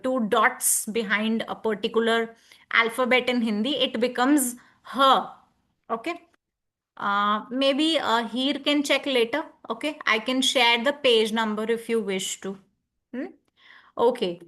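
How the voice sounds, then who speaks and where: A woman leads an online scripture class over a video call, her voice bright and a little high. She talks patiently and reassuringly, breaking pronunciation down step by step for her students. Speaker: Bhagavad Gita class teacher. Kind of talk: online class teaching recitation.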